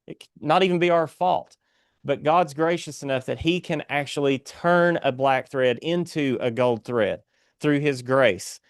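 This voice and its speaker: A man's voice: mid-range voice, a little slow, no room sound, studio quality. A man with an Appalachian accent speaking as a guest author in an earnest, inspirational interview, exhorting like a preacher.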